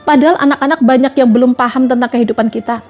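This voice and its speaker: A woman's voice: on the high side, fairly even intonation, very fast, a little mellow, highs cut off, faint music behind. A woman giving a religious talk on a live stream, asking her listeners question after question. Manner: repetitive rhetorical questioning.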